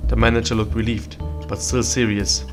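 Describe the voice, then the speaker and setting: Even-toned man narrating an old radio drama. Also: on the low side, moderate pace, over music.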